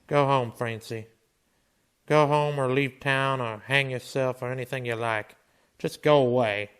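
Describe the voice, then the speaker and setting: A man's voice: mid-range voice, fairly even intonation, unhurried, fairly bright tone, clear, resonant tone, close to an everyday voice. A man playing a stern, world-weary marshal in a Western radio drama, with a commanding, curt manner. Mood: cold, weary. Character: stern, world-weary male frontier marshal facing down lynch mobs.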